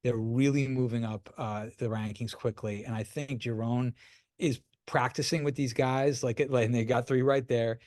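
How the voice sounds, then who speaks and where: A man hosts a casual podcast chat at a middle pitch. He talks with keen enthusiasm, filling gaps with easy asides. The recording is dry and close. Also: steady tone, moderate pace, a little mellow, no room sound. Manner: enthusiastic, conversational, many you-knows. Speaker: podcast host and magazine editor.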